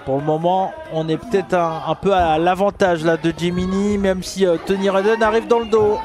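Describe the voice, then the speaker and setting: A man doing excited live play-by-play as a wrestling commentator, exclaiming as he calls the moves. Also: high-pitched, moderate pace. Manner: exclamatory, calling moves as they happen. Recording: loud event with music and crowd behind. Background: crowd and music.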